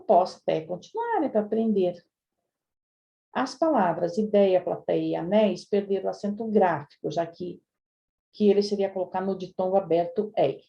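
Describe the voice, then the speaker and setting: A woman's voice: lowish voice, vocal fry, dark tone, highs cut off. A woman teaching a live online grammar review class, chatting with her students and often checking in with them. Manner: chatty, addresses students directly with frequent "né?". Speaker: Portuguese language teacher.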